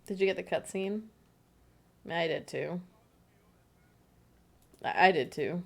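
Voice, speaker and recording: A woman livestreaming a co-op game chats with her partner in a bubbly, giggly way, her lowish, gravelly voice moving slowly.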